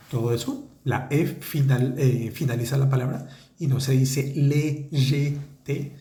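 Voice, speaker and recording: A man teaching French in a podcast lesson, explaining in Spanish and sounding out French phrases slowly and carefully. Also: medium pitch, dark tone, roomy sound. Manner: slow, careful, deliberate enunciation of French phrases.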